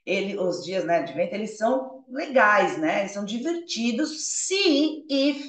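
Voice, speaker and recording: A Brazilian woman teaching English, who reads each line slowly, then translates and explains it. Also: mid-range voice, sing-song. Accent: Brazilian Portuguese. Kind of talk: explaining a dialogue, switching languages. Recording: roomy, from a distance.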